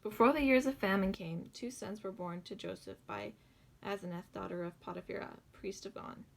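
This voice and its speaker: A woman's voice: mid-range voice, moderate pace, creaky. A young woman reading the Bible aloud with rambling, giggly asides and stumbles on hard names. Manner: rambling, giggly asides full of likes and ums.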